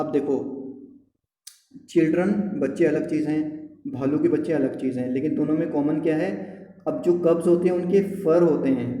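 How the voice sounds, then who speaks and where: A man teaching a poem as a Hindi-English lesson. He reads the English lines slowly, explains them in Hindi and keeps checking in with his students. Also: fairly high pitch, mellow. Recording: echoey room with long reverb, faint ambient noise.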